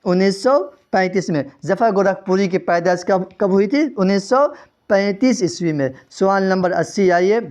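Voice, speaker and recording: A man's voice: high-pitched, a little mellow. Man drilling quiz answers. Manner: reads out answer options and repeats each question. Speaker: teacher. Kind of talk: exam-prep quiz lesson.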